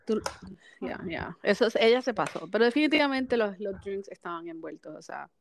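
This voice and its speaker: A woman's voice: medium pitch, animated, vocal fry, a little hiss or hum. Chatty bilingual woman podcast co-host. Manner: chatty, quick reactions, switches between Spanish and English. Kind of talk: casual chat about a reality show.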